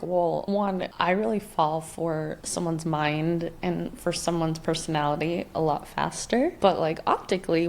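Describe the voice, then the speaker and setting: A woman's voice: fairly low pitch, gravelly, a little mellow. A woman in her thirties hosting a podcast, talking casually in a rambling way full of "like". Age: 30s. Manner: rambling, filler-heavy, with frequent "like". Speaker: podcast host. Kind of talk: casual chatty monologue.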